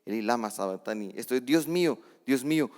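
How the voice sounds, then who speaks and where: A male preacher delivering a sermon, reading scripture and explaining it, shifting between hushed readings and loud emphatic outbursts, with casual asides and self-corrections. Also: mid-range voice, lively intonation, a little fast. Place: church sanctuary. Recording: long reverb of a church hall.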